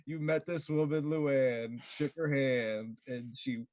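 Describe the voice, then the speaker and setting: A man narrating a tabletop game casually as game master, halting and giggly as he improvises. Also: medium pitch, darkish tone, dry recording.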